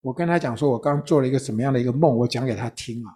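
A man, a pastor, telling a personal testimony in an interview, with a storytelling manner and frequent soft tag particles at the ends of his phrases. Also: mid-range voice, racing, slightly rough.

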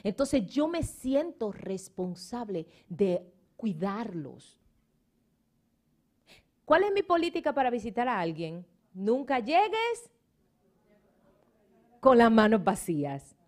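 A woman's voice: fairly high pitch, takes it slowly, long pauses. A middle-aged woman pastor, preaching and telling stories with emphasis and dropping in English words. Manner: animated storytelling, emphatic, slips into English words. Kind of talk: sermon.

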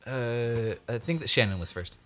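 A man's voice: mid-range voice, normal speed, fairly bright tone, faint music behind. A man hosting a podcast in casual chat, quizzing and teasing his co-hosts and laughing often. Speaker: podcast host.

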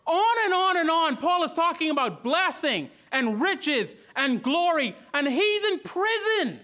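A man's voice: extremely high pitch, sing-song, unhurried, bright, forceful tone. A man from the Bahamas preaching a sermon as pastor, earnest and questioning, often repeating and restarting his words.

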